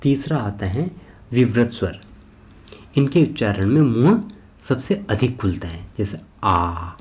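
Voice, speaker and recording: A man giving an exam-prep grammar lesson, slow and methodical, spelling out each sound one by one and answering his own questions. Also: fairly low pitch, mellow, slight background noise. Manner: asks a question and then answers it himself. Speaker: teacher.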